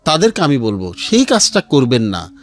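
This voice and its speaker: His pitch swoops wildly around a mid-range voice at normal speed as this middle-aged man with a Bangladeshi accent, a radio studio guest, talks about his life and offers earnest advice. Music plays behind him.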